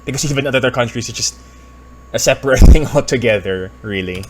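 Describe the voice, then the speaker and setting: A man's voice: medium pitch, fast talker, background noise. A man from the Philippines, a pharmacist giving casual explanatory commentary while reacting to a video, thinking aloud and correcting himself.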